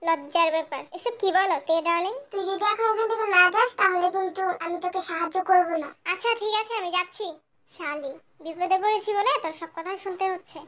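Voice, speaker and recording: A rude, scheming young man, voiced by a woman in a home-made audio drama. He speaks coarsely in a lowered, rough voice that stays bright. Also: a little hiss or hum. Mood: crude.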